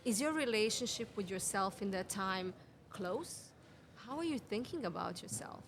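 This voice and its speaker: Her voice is of medium pitch, with slight background noise from the cafe where this conversational podcast interview takes place. She is a women's health mentor in her thirties from Serbia, a guest speaking English non-natively with a Serbian accent, earnestly laying out health ideas through a series of questions.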